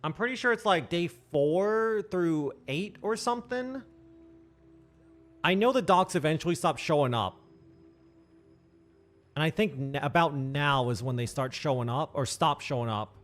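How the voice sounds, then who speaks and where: Man muttering through a game, lively pitch. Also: unhurried, pauses often. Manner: thinking aloud, muttering asides. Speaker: streamer. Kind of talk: casual gameplay commentary. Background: faint game music.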